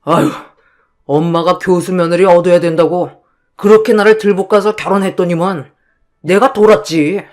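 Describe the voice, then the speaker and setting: A woman voicing an arrogant, hot-tempered young husband who shouts at his wife in a radio drama. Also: mid-range voice, normal speed, faint music behind, natural voice. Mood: angry. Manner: shouting, aggressive.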